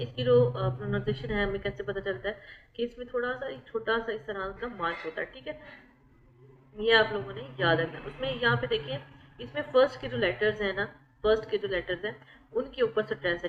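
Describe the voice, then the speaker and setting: A woman's voice: medium pitch, brisk, narrow, tinny audio. A woman online tutor, explaining exam material step by step over slides. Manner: repeats "theek hai" often, explains step by step.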